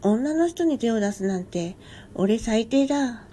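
A woman voicing a blunt, unflappable male store coworker with casual, rough speech in a ghost story reading. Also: fairly high pitch, expressive, measured pace, warm tone, slight background noise. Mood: sheepish, indignant.

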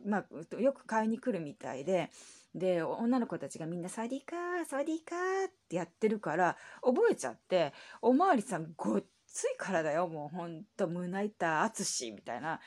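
Woman, from Japan, solo podcast chat, low-ish voice, animated intonation, filler-heavy. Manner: chatty storytelling with many fillers; acts out quoted voices in a raised pitch.

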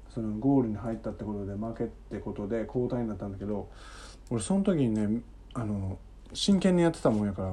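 A man's voice: medium pitch, mellow, slightly rough. A man in his thirties with a Kansai accent, hosting his own podcast and telling a story from his school days in a rambling, chatty way. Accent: Kansai Japanese. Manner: rambling, chatty, repeats himself while recalling. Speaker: podcast host. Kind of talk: casual solo podcast storytelling.

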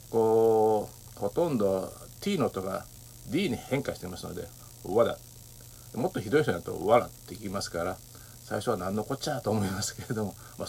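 A man hosting a solo audio talk, speaking politely and thoughtfully with many pauses and fillers. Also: on the low side, slight background noise. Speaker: podcast host.

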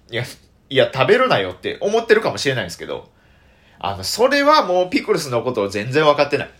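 A young man with a Kansai accent, a comedian telling a casual solo story full of fillers. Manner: lively storytelling with many fillers and animated pitch swings. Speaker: comedian hosting a solo radio talk.

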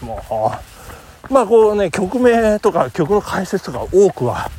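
A man's voice: high voice, sing-song, takes it slowly, a little mellow, slight background noise. A man in his fifties hosting a casual solo talk show outdoors on a morning run. He speaks in a jokingly formal, chatty way. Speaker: podcast host.

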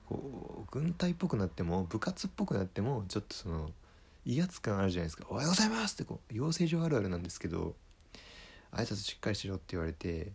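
A man, a comedian, telling a story in a casual monologue, retelling it in a lively way and acting out the quoted lines. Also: on the low side, husky.

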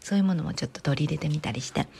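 A woman's voice: rapid-fire, gravelly. A woman from Kansai, talking casually as host of her own channel, chatty and full of fillers. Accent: standard Tokyo-style Japanese. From Kansai, Japan. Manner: chatty, many fillers, lively pitch. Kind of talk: casual solo talk.

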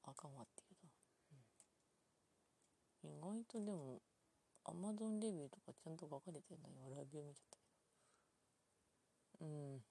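A woman talking alone in a casual, rambling way, full of fillers, thinking aloud at her computer and drifting into quiet mumbles. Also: deep voice, fairly quick, vocal fry, pauses often, husky. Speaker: solo podcast host.

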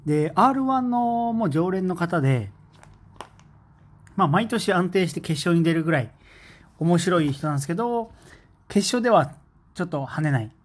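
A man's voice: high voice, animated, moderate pace, pauses often. Rambling man in a solo talk. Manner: rambling, many fillers; enthusiastic fan. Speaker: podcast host.

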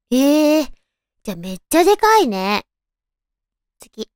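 A woman with a naturally high, cute anime-girl voice hosts a solo radio-style show, talking in a girlish, expressive way. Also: no echo, clean studio sound. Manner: cutesy, girlish, expressive delivery. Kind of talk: solo radio-style chat, reading trivia with casual reactions.

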